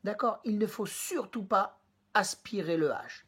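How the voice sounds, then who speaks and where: A woman teacher giving a pronunciation lesson, patiently explaining and repeating sounds slowly while speaking directly to the student. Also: medium pitch, a bit bright, slightly rough. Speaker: Spanish teacher.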